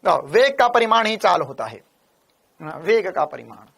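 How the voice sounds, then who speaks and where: A male physics teacher with a Hindi accent talks through an online exam-prep lecture. His voice is hoarse and worn from shouting. He stays animated and teasing, scolding students in a playful way. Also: high-pitched, unhurried.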